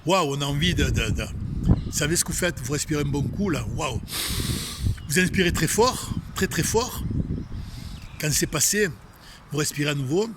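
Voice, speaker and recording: A man's voice: fairly high pitch, expressive, normal speed, pauses often. Man, Marseille accent, inspirational outdoor sermon, emphatic, repeats himself, talks to the listener; noisy open-air recording. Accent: Marseille French. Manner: emphatic, repetitive, addresses listeners directly. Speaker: spiritual speaker. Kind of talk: inspirational religious talk. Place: outdoors facing a tree.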